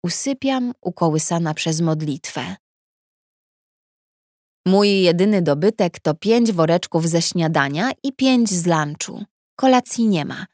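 Female audiobook narrator, measured and subdued, unhurried first-person reading, dry close mic. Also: fairly low pitch, lively intonation, darkish tone, dry recording.

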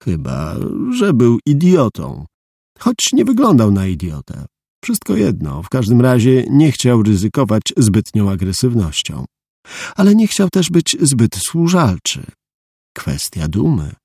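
A man's voice: mid-range voice, huge pitch swings, a little slow, dark tone, slightly rough, no room sound. A man narrating an audiobook in a dry, matter-of-fact storytelling manner. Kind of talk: scripted narration.

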